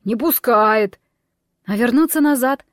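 A woman voicing a weary, gloomy male warrior horse in a storybook, speaking slowly and dejectedly. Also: high voice, dry recording, clean studio sound, close to an everyday voice. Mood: glum. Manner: slow, dejected.

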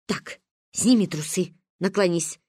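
A stern old granny in her sixties or older, grumbling and practical, as a woman reader puts her on. Her voice drops low and gruff and she gives curt commands. The reading is close and dry. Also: measured pace, a little mellow, dry recording.

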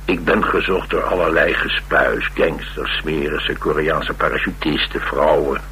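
In a naturalistic radio play, a cocky, restless, wisecracking Dutch loner on the run banters in a flippant, sardonic, streetwise and colloquial way, teasing as he goes. His very low voice has a bright, forceful edge, exaggerated, with fairly even intonation at a measured pace. Faint hum and hiss sit underneath.

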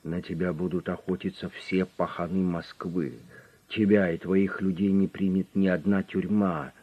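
A man voicing a hoarse, defiant captive criminal boss who speaks in a low rasp. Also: flat delivery, moderate pace, phone-quality sound. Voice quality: hoarse, rasping.

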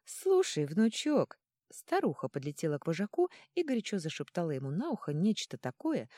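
A woman reads a fantasy audiobook with a low, mellow voice that rises and falls expressively. The sound is close-miked and dry, with no room around it. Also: dry recording. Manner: expressive, lively narration. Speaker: audiobook narrator.

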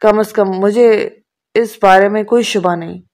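A woman's voice: medium pitch, steady tone, a little mellow, natural voice. A woman reading the lines of an earnest young man proposing marriage, in a sincere, eager way.

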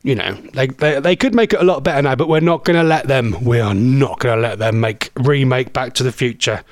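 A man's voice: mid-range voice, fairly quick, no echo. A man hosting a radio show, chatting in a rambling, self-deprecating way from a studio microphone. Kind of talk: casual radio chat.

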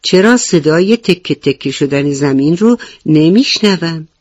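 A woman's voice: low-pitched, lively intonation, darkish tone, dry recording. A stern, commanding storybook lion, as a woman acts it out, firing off demanding questions. The sound is dull and dry, like an old radio studio recording. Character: big commanding lion, stern king of the jungle.

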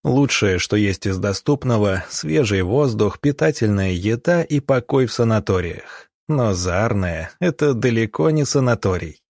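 A man narrating an audiobook at a measured, even pace. His voice is low and husky, recorded dry and close. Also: dry recording.

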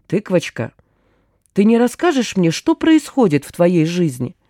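Woman doing a whiny scaredy man, shrill and pleading, mellow dark voice, dry close sound. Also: huge pitch swings, measured pace, no room sound, heavily acted. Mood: meek. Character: whiny timid grown man, easily frightened. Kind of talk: audiobook character voice.

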